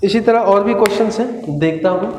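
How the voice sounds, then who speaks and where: At a classroom board, a man teaches maths in a brisk, high, slightly mellow voice, explaining each step and checking in with "है ना" while mixing English phrases into the lecture. The room is echoey with faint ambience and a little hiss or hum.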